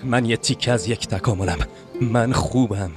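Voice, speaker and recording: An actor dubbing an anxious young man who repeats calming phrases to himself. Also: fairly low pitch, music in the background, lightly acted. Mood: dazed. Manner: jittery, pleading. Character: anxious nervous young man chanting self-calming lines. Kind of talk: film dubbing.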